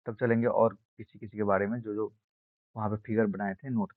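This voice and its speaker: A man teaching an exam-prep science lesson, speaking slowly and repeating key words, asking questions and answering them himself. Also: lowish voice, level tone, dry recording. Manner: slow, repetitive, asks and answers own questions. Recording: dry, phone-like narrow sound.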